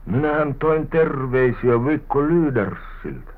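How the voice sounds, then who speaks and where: An actor playing a penniless, worldly drifter in a vintage radio drama, talking wryly and theatrically with stray English words. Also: male voice, medium pitch, big pitch swings, close to an everyday voice. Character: poor wandering drifter man, wry and worldly. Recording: tinny old radio broadcast recording.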